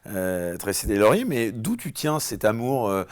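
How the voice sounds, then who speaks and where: A man's voice: fairly low pitch, sing-song, normal speed. A male host asking questions in a casual interview, hesitant with many fillers.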